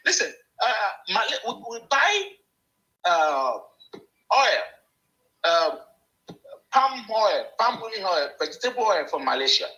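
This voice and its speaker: A man's voice: sits high, big pitch swings, slow pace, pauses often, pushed and bright, poor audio. Nigerian man on a bad connection. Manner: passionate, emphatic. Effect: bad connection, audio cutting in and out. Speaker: yam exporter, panel guest. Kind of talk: panel discussion. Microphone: video call.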